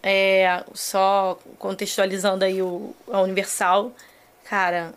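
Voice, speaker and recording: A woman's voice: medium pitch, flat delivery, slow, clear, resonant tone. A woman guest in a casual podcast chat, telling her story with animation and acting out her own panic.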